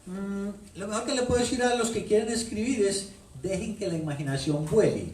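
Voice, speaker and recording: This high, brisk voice with a darkish tone belongs to a paisa-accented Colombian man, an author entertaining a book-launch crowd. He spins stories in a playful, animated way, repeating lines for effect. Captured from far off in an echoey bookstore event room, he speaks into a handheld microphone.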